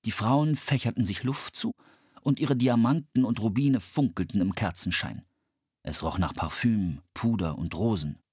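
A man reading a children's audiobook with lively storytelling. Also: on the low side, moderate pace, slightly rough, no echo, studio quality. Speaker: narrator.

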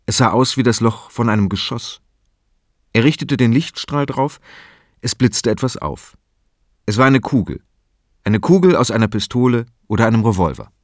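A man narrating a crime audiobook in a calm, even storytelling manner. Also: medium pitch, normal speed, no room sound, studio quality. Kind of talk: scripted narration.

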